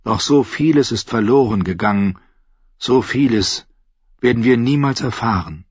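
A man voicing a solemn, wise boy seer who speaks in a grave, measured way. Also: medium pitch, husky, dry recording, close to an everyday voice. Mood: earnest. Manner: measured, grave, slow speech. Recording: slightly dull dry recording.

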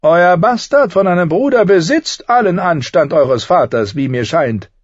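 Tyrion Lannister, a man doing a mocking high voice. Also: animated, a little slow, no echo. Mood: sardonic. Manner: mocking, cool and needling. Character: sardonic, sharp-tongued small nobleman, adult man. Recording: slightly dull audio.

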